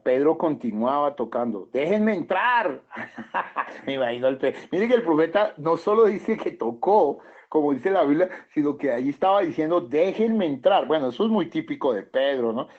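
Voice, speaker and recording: A male pastor with a Colombian accent, preaching a sermon as he reads passages aloud and comments on them. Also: medium pitch. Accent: Colombian Spanish. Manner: reads quotes aloud, then comments with chuckles and questions. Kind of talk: sermon reading and commenting on scripture. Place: church hall. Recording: dull lo-fi church recording.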